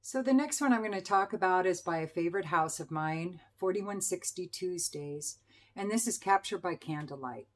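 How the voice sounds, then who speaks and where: A woman's voice: fairly low pitch, moderate pace. A middle-aged woman chatting enthusiastically as a perfume reviewer, with fillers and self-corrections. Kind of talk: casual product review.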